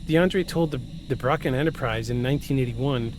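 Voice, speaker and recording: A man in his forties with a mid-range voice speaks a little fast against background noise. Hosting a podcast, he moves between scripted narration and joking, self-deprecating casual chat.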